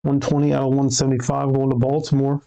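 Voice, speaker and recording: Casual card break host, male, gravelly voice, reads names and numbers off cards. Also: medium pitch, level tone, quick pace, mellow, poor audio. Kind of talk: live card break commentary.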